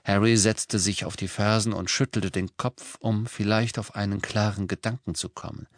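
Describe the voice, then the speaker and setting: Low-voiced male audiobook narrator. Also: steady tone, normal speed, dry recording, studio quality. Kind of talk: scripted narration.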